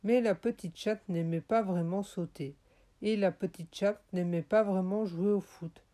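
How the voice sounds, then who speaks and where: A woman narrating a children's audiobook in a gentle, clearly paced way. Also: mid-range voice, steady tone, unhurried. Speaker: audiobook reader.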